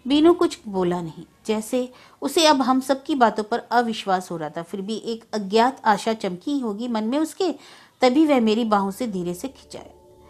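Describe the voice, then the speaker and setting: A woman's voice: on the high side, animated, moderate pace, a little mellow. Somber woman reading a story aloud. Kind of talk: storybook narration. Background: faint music.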